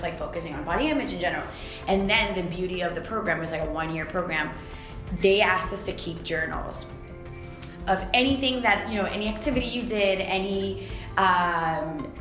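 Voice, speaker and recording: A young adult woman from Costa Rica talks candidly about her life in a documentary interview, pausing often and filling the gaps with "like" and "um." Her voice sits fairly low, and the room around her is echoey, with clear music playing under the interview. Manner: reflective, candid, many fillers. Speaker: swimwear founder.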